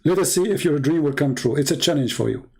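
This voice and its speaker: Sarcastic Middle Eastern-born debater, man, mocking and challenging tone, voice on the higher side. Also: animated, quick pace, creaky, breathy edge, rough recording. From Middle East. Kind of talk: polemical monologue.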